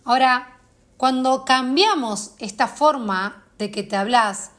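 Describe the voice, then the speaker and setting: A woman's voice: high-pitched, slow pace, a bit bright. A woman, hosting and guiding listeners through a self-help exercise, speaking straight to them and asking many questions. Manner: coaching, asks many questions directly of the listener. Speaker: host.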